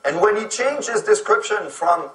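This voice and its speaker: High bright man lecturing in an echoey room. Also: lively intonation, normal speed, far from the mic. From France. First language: French. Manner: explanatory, keeps asking "okay?". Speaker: speaker on immigrant employment. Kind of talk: lecture to an audience.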